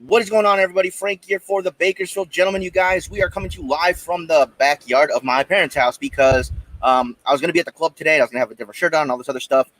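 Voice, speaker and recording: A man's voice: on the high side, steady tone, rapid-fire, fairly bright tone, low-quality recording. An American man hosting a podcast live from a backyard, chatting informally with viewers in a hesitant, rambling way. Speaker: podcast host. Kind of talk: casual live-stream chat to viewers. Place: outdoors in a backyard.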